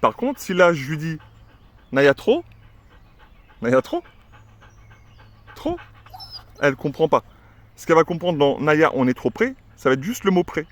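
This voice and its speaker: Un homme qui explique le dressage de son chien en vlog décontracté, avec beaucoup d'hésitations. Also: male voice, on the high side, expressive, brisk, a bit bright. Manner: chatty, many "euh" fillers, gives commands to the dog. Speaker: dog trainer and channel owner. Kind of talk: casual explanatory vlog with a dog.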